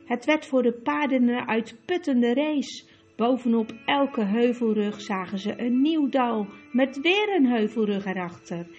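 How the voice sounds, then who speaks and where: A woman reading a storybook aloud in a measured way. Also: fairly high pitch, a little mellow, lo-fi sound. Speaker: audiobook narrator. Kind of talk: storybook narration.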